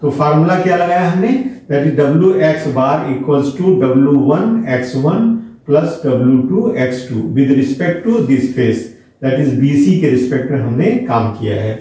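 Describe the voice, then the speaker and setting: A male lecturer works through a derivation step by step, switching freely between everyday speech and technical terms. His voice sits a little high and mellow. It is recorded away from the mic in a very echoey room. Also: animated, measured pace, far from the mic. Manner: step-by-step, mixes Hindi and English terms, talks to students directly. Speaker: civil engineering lecturer. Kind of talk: classroom lecture explaining a derivation.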